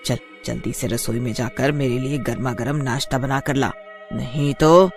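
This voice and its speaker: A man's voice: normal speed, over music, lightly acted. A man doing a fussy old mother-in-law. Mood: scolding. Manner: scolding, then shrill panicked wailing. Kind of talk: storybook voice acting.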